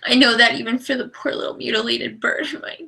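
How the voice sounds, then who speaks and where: A woman giving a live tarot reading, earnest and emotional, reading card texts aloud and often dropping to a soft whisper. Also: fairly high pitch, steady tone, fast, vocal fry, low-quality recording. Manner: spiritual, chatty, reads card texts aloud. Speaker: tarot reader.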